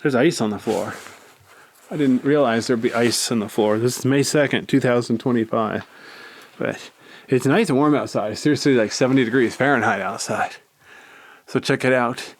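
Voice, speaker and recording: A man's voice: medium pitch, moderate pace. A man giving a casual, rambling tour commentary in a laid-back manner, filming himself exploring inside a cave. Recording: clear background noise, handheld cave recording.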